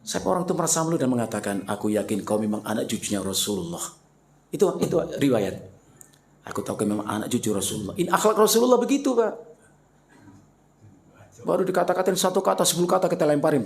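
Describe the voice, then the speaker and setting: A man preaching a mosque lecture, animated and rhetorical, turning often to his listeners with questions. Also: a little high, fast, vocal fry. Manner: animated, rhetorical questions, addresses the congregation directly.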